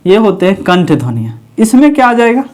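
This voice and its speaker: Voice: medium pitch, sing-song, brisk, darkish tone. A grammar teacher at a board, asking the class questions and answering them, repeating each term several times. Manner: repeats key sounds and terms several times. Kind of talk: exam-prep grammar lesson at a board. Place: teaching room with a writing board.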